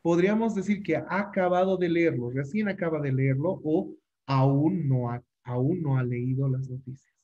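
Man, English teacher in an online class, fairly high voice, patient, repeats everything; muffled lo-fi audio. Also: normal speed, dark tone. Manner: patient, repeats phrases and keeps checking with "¿no?". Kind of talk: online class taught in Spanish.

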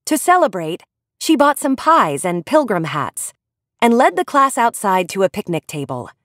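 A woman reading a children's story aloud in an expressive storytelling manner. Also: medium pitch, normal speed, no echo, studio quality. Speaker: audiobook reader.

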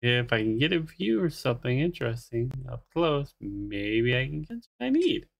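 Here a male gaming host with a creaky, very animated voice plays a horror game at a moderate pace, with a little noise in the background. Rambling and jittery, he reads the text out loud, addresses the monsters directly, and lets out shrill yelps whenever he gets frightened.

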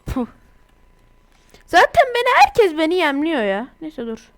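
A woman from Turkey giving casual, chatty commentary over her own gameplay, excitable and quick to burst into exasperated outbursts. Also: very high-pitched. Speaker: gaming YouTuber.

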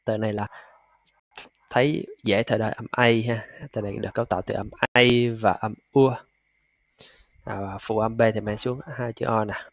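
A man teaching English pronunciation, patiently repeating and drilling each sound slowly. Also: lowish voice, level tone, creaky, no room sound. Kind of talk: pronunciation lesson.

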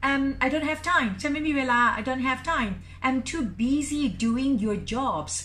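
Bright-voiced Thai woman teaching English. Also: high-pitched. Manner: chatty, playful, mixes English phrases into Thai explanations. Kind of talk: casual Thai lesson explaining film lines.

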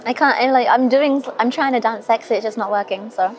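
Over afternoon tea in a roomy indoor hotel lounge restaurant, a twenty-something woman with Caribbean roots and a later life in England speaks as a relaxed, open interview guest. Her voice sits fairly high and moves a little fast, with faint music behind it. The recording comes from a small recorder or phone placed close by across the table.

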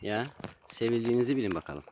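A man fusses over his animals in a doting, coaxing way, now and then scolding them playfully. His pitch swings up and down a lot as he talks, and there is a faint noise behind him. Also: lively intonation, quick pace, darkish tone. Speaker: vlogger with pets. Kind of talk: casual talk to his animals.

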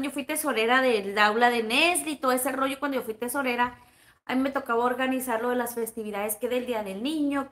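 A woman's voice: sits high, sharp tone. A woman with a Sonoran Mexican accent, casually chatting on a livestream, gossipy and friendly, calling her viewers comadres and plebes. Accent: Sonoran Mexican Spanish. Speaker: livestream vlogger. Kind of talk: casual livestream chat reading viewer comments.

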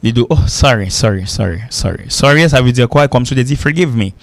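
A man's voice: medium pitch, a little fast, no room sound. A man teaching English on the radio, repeating words and checking in with "ok?" as he drills pronunciation. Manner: repetitive drilling of pronunciation, frequent "ok?". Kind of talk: radio English lesson in French.

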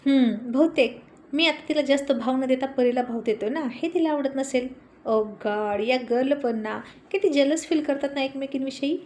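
A woman's voice: high voice, darkish tone, close to an everyday voice. A woman reading a story voices a cheeky young adult son who teases his sister, with faint noise behind. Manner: teasing, mocking.

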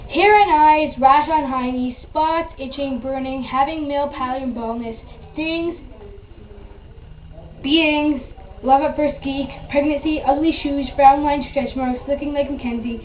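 Woman as a high-voiced parody infomercial disclaimer reader. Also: unhurried. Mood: matter-of-fact listing. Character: female infomercial presenter reciting absurd side effects. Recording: tinny phone-like sound, background noise.

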